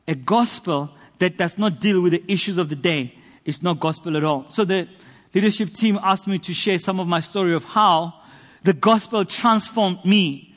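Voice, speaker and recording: The long reverb of a church hall surrounds this South African preacher, whose high, fairly bright voice moves at a moderate pace. Earnest and rhetorical, he shares his testimony within a sermon, repeating himself for emphasis.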